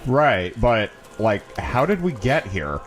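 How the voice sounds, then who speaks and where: A man's voice: medium pitch, big pitch swings, takes it slowly, over music. A man co-hosting a let's play with casual, sardonic commentary and mock confusion.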